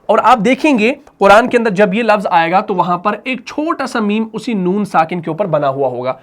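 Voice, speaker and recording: A man with a fairly high voice teaching Quran recitation rules. He explains patiently, repeats each point, and checks with questions. His examples come in slow, drawn-out recitation. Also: expressive, fairly bright tone. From Pakistan.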